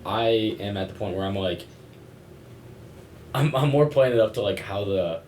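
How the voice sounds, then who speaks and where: An eighteen-year-old man hosting a podcast, asking questions in casual chat with lots of fillers. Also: fairly low pitch. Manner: animated, fast, full of fillers. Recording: echoey room, faint noise.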